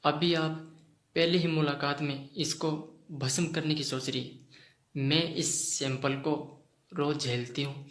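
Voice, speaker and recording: A man's voice: a little high, steady tone, slow, a bit bright. A man voicing a sly old grandmother with magic powers, reading her lines in a dry, mocking way. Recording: roomy echoey room.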